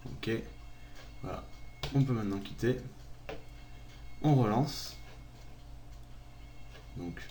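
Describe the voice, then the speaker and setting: Guy at his home pc talking you through a setup step by step, relaxed, faint hiss and keyboard typing. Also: lowish voice. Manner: relaxed step-by-step walkthrough, narrating each click. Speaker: tutorial maker. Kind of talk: screen-recorded software tutorial.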